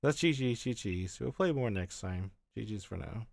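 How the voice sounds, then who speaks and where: Tired dude streaming a game, reads the story out loud, swears a lot, voice jumps around a ton. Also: male voice, on the low side, normal speed, gravelly, no echo. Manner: animated, swears casually, reads narration aloud. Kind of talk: casual game stream chat and reading narration aloud.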